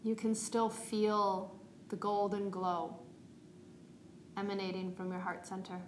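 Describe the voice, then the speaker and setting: A woman leads a guided meditation in a calm, meditative tone. She speaks slowly at a middle pitch, as a yoga teacher would. The room adds noticeable echo, with faint noise behind her.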